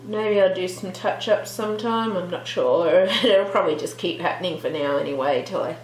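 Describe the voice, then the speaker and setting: A woman hosting a relaxed real-time colouring tutorial, chatting and thinking aloud with trailing restarts as she works. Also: fairly low pitch, moderate pace, a little hiss or hum. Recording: roomy echo with faint background music.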